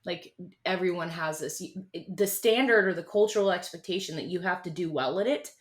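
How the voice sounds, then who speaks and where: A woman in her thirties, a country singer-songwriter, speaking earnestly and haltingly as an interview guest, with many restarts. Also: fairly low pitch. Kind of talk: candid interview conversation.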